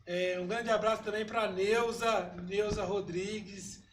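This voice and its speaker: Casting: high-pitched male podcast host, friendly, sending greetings, roomy sound. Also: fairly even intonation, a little slow, background noise. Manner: friendly, sends greetings to viewers. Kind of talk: casual live-stream chat and interviewing.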